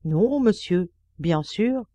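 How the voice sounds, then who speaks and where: A woman's voice: medium pitch, lively intonation, slow pace, mellow, no echo. A woman voicing a proud, distraught young working-class mother in an audiobook, with pleading, tearful outbursts. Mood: earnest. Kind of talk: audiobook character reading.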